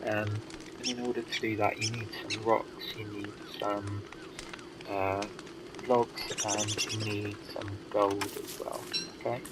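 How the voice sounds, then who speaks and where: This young gamer talks through his own play slowly, in a lowish, flat voice, a little stuffed up with hay fever. The recording is very noisy with loud game music behind him, and he hesitates often, restarting and saying um.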